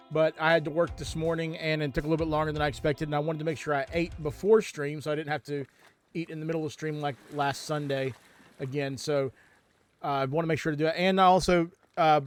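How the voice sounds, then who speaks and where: A man talks over his livestream through a headset mic, his voice a bit higher than most men's. He rambles loosely, breaking off and restarting sentences and filling gaps with ums, the way a streamer chats between moments of play. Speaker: livestream gamer. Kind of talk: casual stream chat.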